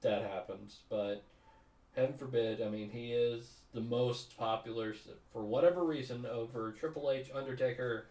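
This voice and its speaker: A man co-hosts a podcast, chatting casually in a rambling, conversational way with cynical asides. His voice is medium-pitched and darkish, with fairly even intonation and a moderate pace. The recording sounds roomy, with the mic placed at a distance.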